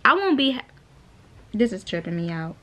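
A woman's voice: mid-range voice, very animated, normal speed, sharp tone. A woman of twenty-one answering viewer questions in a casual vlog, talking loosely with lots of fillers, filmed at arm's length in a small bedroom. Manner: chatty, laid-back, lots of "like" and "you know". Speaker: vlogger. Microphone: camera at arm's length.

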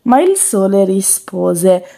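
A woman reading a children's story aloud as a storyteller, in a slow, gentle way. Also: mid-range voice, big pitch swings, creaky.

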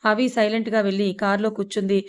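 A woman narrating an audio love story at a fast pace. Her delivery is even and flat, with little rise and fall, in a plain storytelling manner. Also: medium pitch, clean tone.

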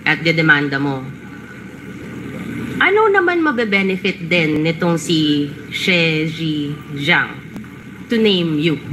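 A woman's voice: low voice, sing-song, takes it slowly, pauses often, background noise. Pressing woman interrogating at a hearing. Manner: pointed, pressing questions. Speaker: lawmaker questioning a witness. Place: hearing room.

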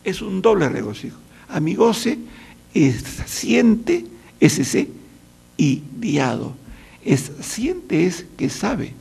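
An older man from Peru with a Peruvian accent, a professor telling anecdotes in a halting, repetitive way with dry humor. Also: a little high. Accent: Peruvian Spanish. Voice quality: gravelly, husky. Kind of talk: storytelling talk.

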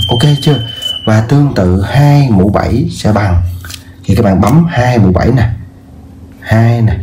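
A man teaching a casual video math lesson, often checking in with the viewers and slowing down to spell out numbers. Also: on the low side, noisy background.

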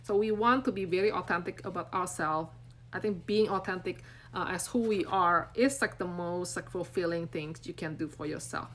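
Speaking with an Indonesian accent, this forties-aged brand coach hosts a live stream from a small room, her phone camera at arm's length. The voice sits lowish and fairly bright at a moderate pace, with slight background noise, as she rambles in an earnest, encouraging, filler-heavy way to her viewers.

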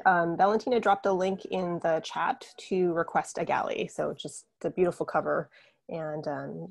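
A woman moderating a panel on a video call, briskly reading out introductions. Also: fairly low pitch, darkish tone, no room sound.

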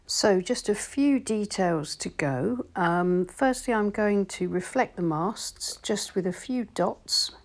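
A woman, calmly explaining each step of a watercolour painting tutorial in voice-over. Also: medium pitch, slow, few pauses. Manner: calm, explanatory, gently instructive. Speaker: watercolour teacher.

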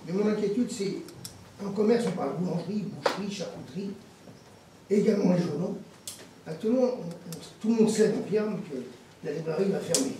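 A man speaking up as a town councillor in a council meeting debate, insistent and indignant, often repeating himself. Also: high voice. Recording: echoey distant room mic with noise.

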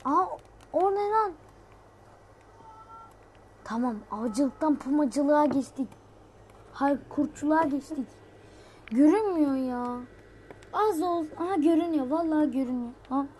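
A woman giving excitable gameplay commentary, swearing playfully and shouting sudden exclamations. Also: sits high, unhurried, pauses often, a little hiss or hum. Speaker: gamer.

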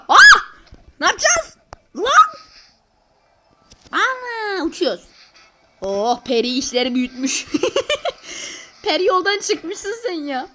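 A woman giving excited, slangy commentary on a mobile game as a channel host, with loud sudden exclamations. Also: high voice.

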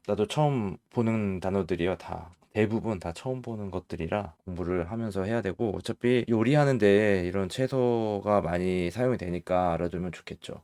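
A middle-aged man giving a casual English pronunciation lesson, talking slowly and thinking aloud with fillers. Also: low-pitched, darkish tone, dry recording, studio quality. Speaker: English teacher for mothers.

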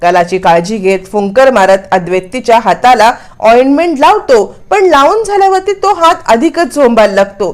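Brisk woman retelling a serial. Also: a little high, expressive. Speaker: narrator of serial recaps. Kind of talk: casual storytelling recap.

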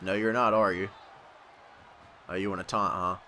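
A man hosting a gaming video, giving excitable let's-play commentary, yelling, laughing and trash-talking his opponent. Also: low voice, moderate pace, a little hiss or hum. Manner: laughs often.

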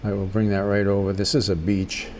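An older man giving a casual watercolor tutorial as a gentle, encouraging, unhurried painting instructor. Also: lowish voice, completely flat delivery, a little hiss or hum.

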